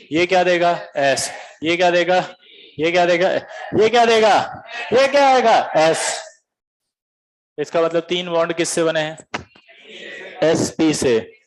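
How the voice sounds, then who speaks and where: High-voiced teacher telling jokes. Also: male voice. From Bihar, India. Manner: animated storytelling, quizzing students. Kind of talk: comic classroom lecture.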